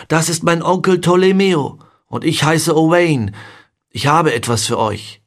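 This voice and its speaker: A man's voice: a little high, measured pace, voice pushed up. A man voicing an eager ten-year-old boy.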